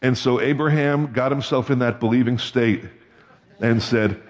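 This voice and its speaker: The recording, drenched in long hall reverb, captures a pastor giving a sermon in a steady, medium-pitched voice at a moderate pace. He keeps it conversational, regularly questioning the congregation.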